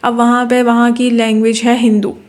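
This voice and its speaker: A woman lecturer from Pakistan with a fairly high voice and a flat, even delivery. She reads definitions slowly and explains them patiently, often repeating phrases and checking that listeners follow. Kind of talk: university lecture.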